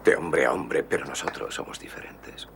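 A man playing a calm, reflective older mob boss with a gravelly voice, in dubbed film dialogue. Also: rumbling low, moderate pace, a little hiss or hum.

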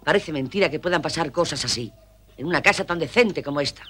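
A woman's voice: low-pitched, fast, noisy background, close to an everyday voice. An actress playing a prim landlady who insists her boarding house is respectable, speaking in a soothing yet prim manner. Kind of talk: film dialogue.

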